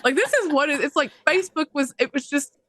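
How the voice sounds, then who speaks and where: A woman's voice: sits high, lively intonation, quick pace, a bit bright, no room sound. A woman co-hosting a podcast, ranting in casual chat, swearing freely and mocking other people's words in quoted voices. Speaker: podcast co-host.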